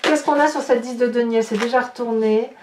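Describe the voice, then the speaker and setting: A woman's voice: on the high side, a little fast, background noise. A woman giving a tarot reading, musing aloud with hesitations and rhetorical questions as she turns the cards. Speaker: tarot reader. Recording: roomy, distant mic.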